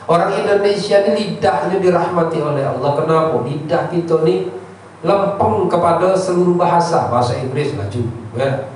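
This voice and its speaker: A man gives an informal religious lesson to a congregation in a prayer room, talking conversationally and often asking "ya" and "ya tak". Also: a little high. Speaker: religious teacher. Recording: echoey room, distant mic, faint noise.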